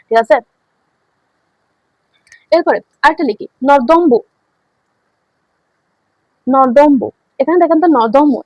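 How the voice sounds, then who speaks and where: High-voiced woman teaching grammar. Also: no room sound, rough recording. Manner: asks students questions then answers them herself; repeats key words for emphasis. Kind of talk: online classroom lesson.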